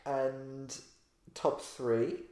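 A man co-hosts a casual podcast chat at a middling pitch. He is gossipy and opinionated, laughing often as he talks. The sound has the echo of a bare room. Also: flat delivery, drawn-out words, a little mellow, a little hiss or hum. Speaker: podcast co-host. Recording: echoey room.

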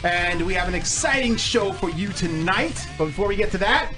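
Booming ringmaster-style man announcing over music. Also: lively intonation, moderate pace. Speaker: co-host of an internet radio show. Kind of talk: bombastic show introduction. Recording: music behind.

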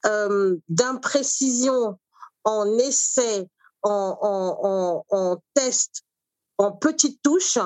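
A middle-aged woman from Cameroon, an author and cook, talking in an interview at a thoughtful pace with many pauses. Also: medium pitch, darkish tone, dry recording. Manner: thoughtful, with frequent pauses and fillers. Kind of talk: conversational interview.

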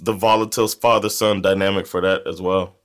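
This American man from the United States co-hosts a podcast, telling a story in a casual, joking chat and laughing often. His voice is low-pitched with fairly even intonation, and he talks a little fast.

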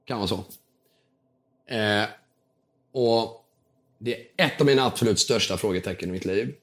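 A young man with a slightly hoarse voice, telling an animated story as a podcast guest and acting out the people in it. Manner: lively storytelling, acts out quotes with big jumps in pitch.

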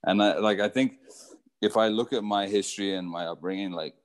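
A man's voice: lowish voice, brisk. A young man from Zimbabwe, a surfer, talking casually as an interview guest with lots of fillers and restarts.

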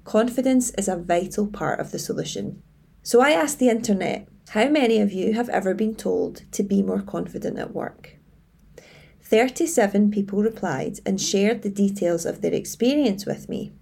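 Female coach presenting structured advice, measured and tidy, with a mellow tone and gravelly fry. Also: mid-range voice. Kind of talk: scripted advice presentation to camera.

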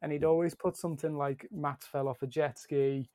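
A man's voice: a little high, fairly even intonation, normal speed, dark tone, no room sound. A man, a musician, telling rambling stories in a casual podcast chat, often breaking into laughter.

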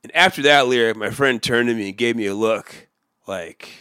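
A man's voice: mid-range voice, normal speed, sharp tone, clear, resonant tone, no echo, studio quality. A man in his forties co-hosting a podcast, telling stories in a rambling, wry, self-mocking way. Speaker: podcast co-host. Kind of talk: casual chat.

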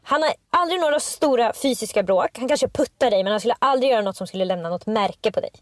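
A woman's voice: on the high side, animated, no echo, studio quality. A woman co-hosting a casual podcast, reading out passages from a book and commenting on them with emphasis. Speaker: podcast co-host.

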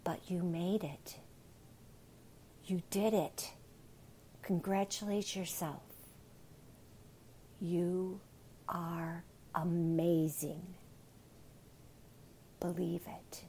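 A woman whispering soothing guided relaxation and gentle affirmations in an unhurried ASMR style. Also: lowish voice, steady tone, a little hiss or hum.

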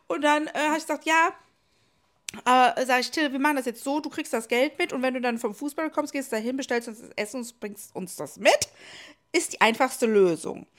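A woman, co-hosting a casual podcast chat and telling stories with animated energy. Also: brisk. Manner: animated storyteller, swings pitch widely. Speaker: podcast co-host.

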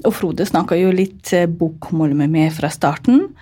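A middle-aged woman with a Ukrainian accent, a guest telling lively stories and acting out quotes with big jumps in pitch. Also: breathy edge. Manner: animated, acts out quotes with big pitch leaps. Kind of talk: storytelling in an interview.

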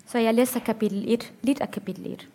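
A woman author reading a passage from her book aloud in a steady, grave manner. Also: a little high, heavy background noise.

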